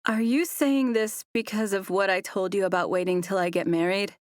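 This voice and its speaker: A woman voicing a shy, excited young woman in love, asking eager questions. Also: mid-range voice, normal speed, no room sound, clean studio sound, close to an everyday voice.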